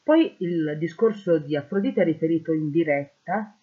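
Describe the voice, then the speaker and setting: A man teaching a lesson, slowly translating Greek verse word by word into Italian. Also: fairly high pitch, lively intonation. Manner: slow, deliberate, translating word by word. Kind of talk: lecture on Greek poetry. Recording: phone-like lo-fi audio.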